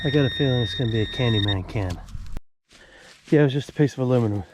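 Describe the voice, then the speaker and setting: A man's voice: medium pitch, quick pace, very noisy. A man giving casual, wryly joking commentary outdoors as he vlogs about metal detecting. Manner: folksy, wry joking. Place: outdoors in a rural yard.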